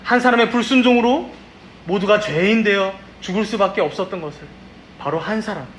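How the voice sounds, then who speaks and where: A man, a pastor, leading his congregation in a slow, reverent, formal prayer during a Sunday service. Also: high voice, a bit bright, a little hiss or hum. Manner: measured, reverent, formal church diction. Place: church sanctuary.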